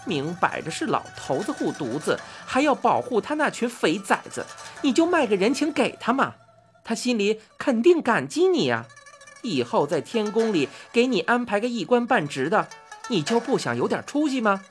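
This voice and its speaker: A woman voicing Chang'e, a vain, quick-tempered young wife who scolds shrilly, for a spoken storybook. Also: low-pitched, big pitch swings, fairly bright tone, soft background music. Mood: scolding.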